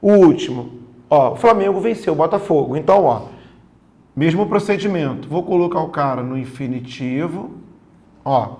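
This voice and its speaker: A man's voice: on the high side, lively intonation, normal speed, a little mellow. Man teaching grammar, chatty. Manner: casual slangy classroom talk, checks in often with students. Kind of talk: exam-prep grammar lesson.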